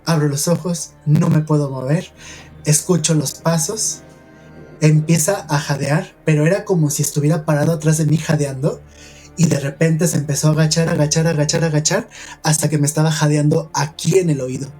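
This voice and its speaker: Mexican man, podcast host, recounting a haunting in earnest, hushed tones; slightly high, mellow voice, faint music underneath. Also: fairly even intonation, moderate pace. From Mexico, San Luis Potosí. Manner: earnest, hushed storytelling with many "o sea" fillers. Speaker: podcast host telling a personal paranormal story. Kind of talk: podcast storytelling conversation.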